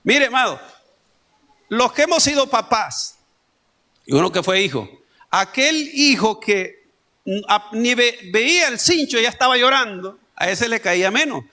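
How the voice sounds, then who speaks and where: Lively bright-voiced Salvadoran pastor preaching. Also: male voice, very high voice, unhurried, long pauses. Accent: Salvadoran Spanish. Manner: conversational preaching with homely stories and asides. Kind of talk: sermon. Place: church.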